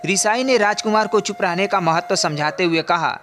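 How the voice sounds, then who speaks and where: A man narrating a storybook in a calm, even, measured way. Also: high voice, music in the background.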